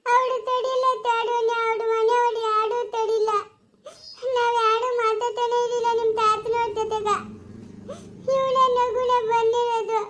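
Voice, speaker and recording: A performer in an amateur family skit playing a tearful mother who cries slowly while grieving over her father. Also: extremely high pitch. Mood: lamenting. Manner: slow, sobbing and lamenting. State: crying.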